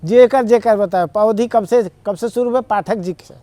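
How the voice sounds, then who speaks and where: A man's voice: sits high, moderate pace, mellow, no echo. A man with an Awadhi accent, a guest in a TV interview, arguing his points earnestly in long rambling explanations. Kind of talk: conversational interview.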